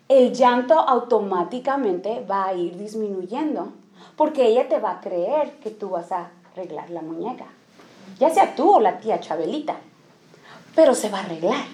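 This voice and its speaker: Speaking to a women's church gathering, she keeps things informal, checking in with her listeners often, slipping in English phrases and acting out little quoted scenes. Her voice is a little high with a darkish tone.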